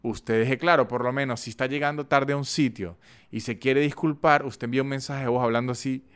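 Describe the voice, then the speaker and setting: A podcast host with a Venezuelan Andean accent talks in a relaxed, chatty monologue. His voice is smooth and clear, pitched in an ordinary middle range, and he tells his points as lively little stories. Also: fairly quick. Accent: Venezuelan Andean (gocho). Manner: animated, chatty storytelling with acted-out voice notes.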